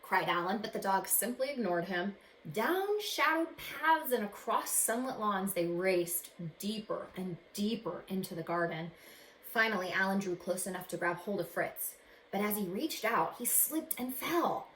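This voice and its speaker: A teacher reads a children's storybook aloud in an expressive, mid-range voice with a fairly bright tone. She dramatizes the tale and pauses to ask the young listeners questions. The audio has a roomy echo and faint background noise.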